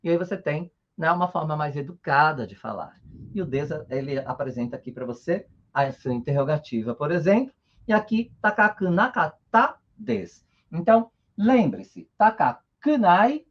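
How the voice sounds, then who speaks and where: Husky man teaching, lively pitch. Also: muffled recording. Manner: patient, checks in often with short tags. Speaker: Japanese teacher. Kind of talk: online language lesson.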